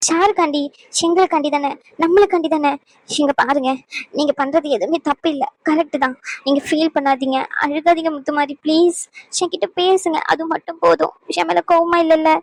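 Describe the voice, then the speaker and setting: A woman's voice: high-pitched, fairly even intonation, a little fast, no echo. A woman voicing a worried, stubborn young pregnant wife in a cartoon, pleading and pressing with questions. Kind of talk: cartoon voice acting.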